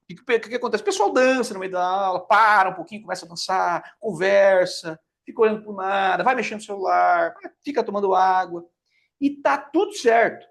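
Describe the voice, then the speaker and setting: A man's voice: high voice, fairly quick, gravelly, a bit bright. A man with a Brazilian Portuguese accent giving an emphatic, conversational fitness lesson, often checking in with his listeners. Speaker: fitness teacher. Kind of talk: explanatory lecture.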